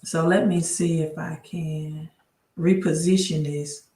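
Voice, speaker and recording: A deep, dark-toned female voice moves at a slow pace with fairly even intonation, captured in a roomy space. The speaker hosts a casual credit livestream on her laptop mic, chatting, frequently restarting sentences, and narrating as she fixes tech.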